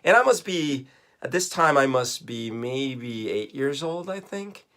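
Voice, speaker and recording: A man's voice: mid-range voice, sing-song, a little slow, fairly bright tone. A man in his forties from Colombia, telling a casual, rambling story to camera with self-mocking jokes and frequent laughs. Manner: chatty, self-mocking, laughs often while talking. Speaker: vlogger.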